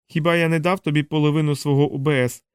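A man voicing a gentle, timid male alien robot who pleads in a hurt, higher voice. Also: fairly even intonation, fast, smooth, no echo, studio quality, lightly acted. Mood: pleading. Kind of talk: audiobook character reading.

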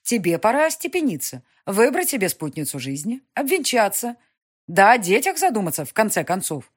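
A woman voicing a domineering aristocratic countess who scolds her grown son, in a husky, high-strung, overbearing voice, as in a period audiobook. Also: big pitch swings, fairly quick. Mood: scolding. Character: imperious aristocratic middle-aged countess mother.

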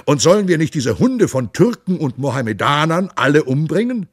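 A man's voice: a little high, sing-song, moderate pace, breathy edge, no room sound, studio quality, pitched above the performer's own voice. A man voicing a blustering boastful warlord king. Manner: loud, grandiose declaiming.

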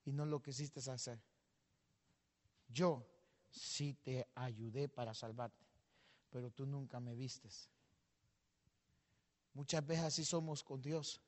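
A male pastor telling a parable in a sermon, rising to a shout and having the congregation repeat after him. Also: medium pitch, steady tone, slow, pauses often, long reverb tail. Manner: storytelling, shouting when stirred, calls on the congregation to repeat.

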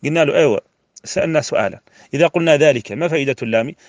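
A man's voice: a little high, rapid-fire, no echo. A man from Mauritania, a scholar lecturing on grammar and repeating key phrases for emphasis. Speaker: Islamic scholar teaching grammar. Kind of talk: classroom lecture explaining a verse text.

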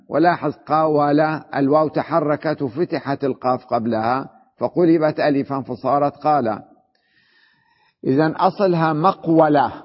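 Slow-drawling male grammar teacher in a hall. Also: fairly high pitch. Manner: explains step by step, asks the class questions and answers them; drawls words out slowly to spell out their forms. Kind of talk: classroom lesson. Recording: muffled recording with long hall reverb.

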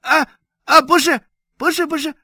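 A man voicing a boisterous male blood-station chief in a storybook reading, high and loud and laughing. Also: steady tone, moderate pace, dry recording, studio quality, full character voice. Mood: gleeful.

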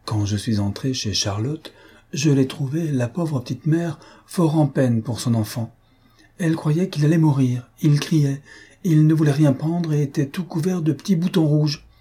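A fussy, self-important older woman rattles off her gossip with excited exclamations, read by a man lifting his voice. The tone stays dark and mellow. It is deeply husky underneath. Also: moderate pace. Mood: gossipy.

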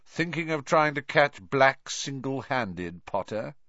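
A man's voice: mid-range voice, animated, slow, sharp tone, no room sound, pitched above the performer's own voice, exaggerated voice. A sneering, spoiled teenage schoolboy, as a male reader puts him on, with a raised, mocking voice. His tone swoops with smug taunts, and the sound is dry and slightly dull.

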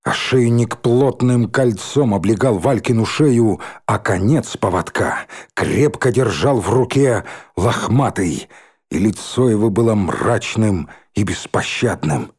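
A man reading a story aloud in an expressive, dramatic narrating style. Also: fairly low pitch, a little slow, husky. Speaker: audiobook reader.

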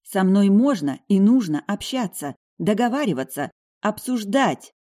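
A woman voicing a feisty young noblewoman who turns loud, shrill and bossy when provoked. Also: lively intonation, brisk, lightly acted. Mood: indignant.

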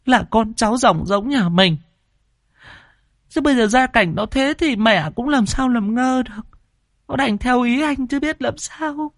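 A man voicing a grieving elderly grandmother who pleads tearfully in a strained falsetto. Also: no room sound, studio quality, exaggerated voice. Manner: wailing, high strained falsetto.

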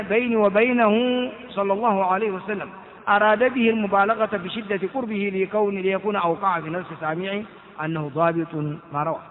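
A man teaching a hadith lesson at a quick clip, in a high voice. He spells out vowel marks and repeats key words. The sound is tinny, like a phone line, with long echo from a large hall. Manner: explains grammar and word forms, spells out vowels, repeats words. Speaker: Islamic scholar teaching hadith commentary.

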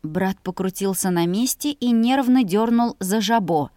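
A woman narrating a story in the first person, lively and ironic in tone. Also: medium pitch, a little slow, no echo, clean studio sound. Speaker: audiobook narrator.

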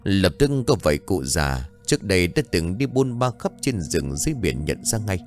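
A man's voice: sits low, sing-song, moderate pace, faint music behind. A man narrating a horror story in a dramatic, suspenseful way.

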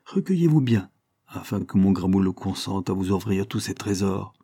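A man's voice: deep voice, lively intonation, moderate pace, dark tone, breathy edge, full character voice. A man voicing a pompous aging male baron who is a proud violin connoisseur, declaiming grandly and emphatically. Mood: ceremonious.

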